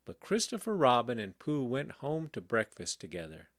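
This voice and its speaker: A man reading a children's storybook aloud in a calm, gentle bedtime manner. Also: mid-range voice, no room sound, studio quality. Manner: slow, gentle, very expressive. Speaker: audiobook reader.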